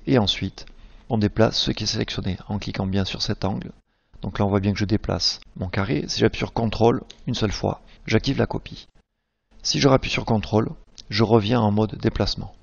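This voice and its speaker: A man teaching a screen-recorded software tutorial, patiently explaining each click step by step. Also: fairly low pitch, vocal fry, muffled recording.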